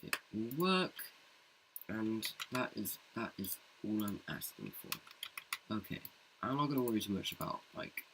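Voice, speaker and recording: A man's voice: sing-song, a little slow, vocal fry, background noise. Chatty man muttering over clicking keys. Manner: thinks aloud, chatty and self-mocking, muttering to himself; jokes in a deep movie-trailer voice. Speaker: CG artist showing his work. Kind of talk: casual screen-recorded tutorial talk. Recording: keyboard and mouse clicks behind.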